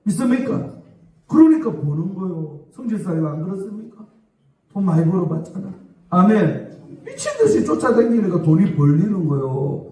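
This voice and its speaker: Casting: high-voiced pastor, mellow tone, echoey church hall, distant mic. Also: male voice, sing-song, moderate pace. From South Korea. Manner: emphatic, repeatedly asking the congregation for amens. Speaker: senior pastor. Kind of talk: sermon. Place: church sanctuary.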